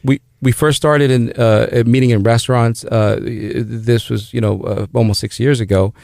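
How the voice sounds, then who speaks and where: A man's voice: medium pitch, fairly even intonation, normal speed, creaky, a little mellow, no room sound, clean studio sound. A middle-aged man from El Salvador, a native Spanish speaker, talking as a guest in a radio interview, with many restarts and fillers. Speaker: guest, business founder.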